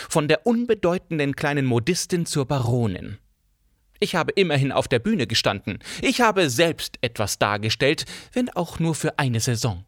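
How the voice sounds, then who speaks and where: A theatrical former actress declaims with sweeping grandeur and heavy self-pity, as a male narrator takes her on. Her voice sits high and swings widely across each line. The recording is close and dry. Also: fairly bright tone, dry recording. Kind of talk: audiobook character voice.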